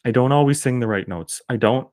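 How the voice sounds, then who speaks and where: A man's voice: medium pitch, fairly quick, a little mellow, no room sound, studio quality. A man with a Canadian accent, an actor and singer, talking earnestly as an interview guest. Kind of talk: reflective conversational interview.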